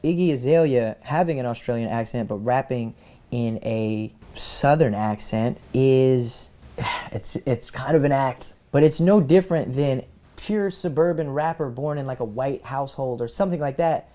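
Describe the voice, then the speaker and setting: Blunt, mellow-voiced man. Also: medium pitch, normal speed. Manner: blunt, casual, swearing. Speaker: commentator.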